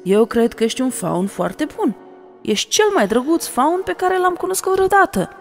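A woman's voice: high voice, very animated, long reverb tail, faint music behind, voice pushed up. A woman voicing a kind, worried young girl, pleading and urgent, in a storybook reading.

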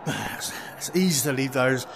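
A man's voice: mid-range voice, vocal fry. Man, casual game commentary, headset mic, noisy background hiss. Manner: relaxed, chatty running self-commentary with quick exclamations. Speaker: gaming video creator. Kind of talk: live commentary while playing a VR cricket game. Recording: steady background noise.

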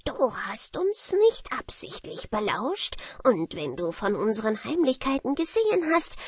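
Storybook dwarf king, voiced by a woman: old, stern, slow, husky and gravelly. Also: fairly high pitch, sing-song, no room sound, voice pushed up, heavily acted. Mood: solemn.

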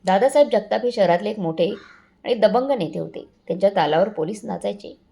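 A woman's voice: medium pitch, a little fast, creaky, mellow. A woman reading a dramatic story aloud and speaking every character's lines in much the same voice. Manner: addresses listeners as friends, reads all characters' lines in near-natural voice. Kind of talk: scripted story narration.

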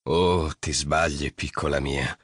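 A man voicing a mysterious, bird-like old man in an audiobook, speaking slowly and enigmatically. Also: a bass voice, steady tone, fairly bright tone, slightly rough, dry recording, clean studio sound, pitched below the performer's own voice, exaggerated voice. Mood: enigmatic. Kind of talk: audiobook character voice.

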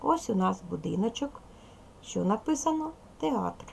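A woman teaching young children in a recorded video lesson, with slow, deliberate pacing and clear instructions. Her mid-range voice carries a gravelly, creaky texture. A faint hiss of background noise sits under her speech. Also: mid-range voice, animated, darkish tone. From Ukraine. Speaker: primary school teacher.

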